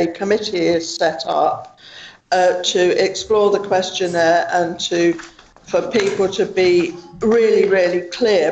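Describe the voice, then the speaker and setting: A councillor politely and tentatively proposing a motion at a meeting. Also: medium pitch. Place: council chamber. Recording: echoey, dull room recording.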